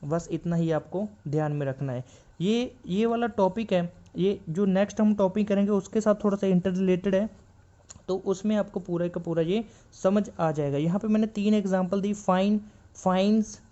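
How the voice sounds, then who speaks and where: A man teaching shorthand in a classroom style, patiently repeating each point and reading textbook lines slowly. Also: high-pitched, warm tone, lo-fi sound. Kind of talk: classroom explanation.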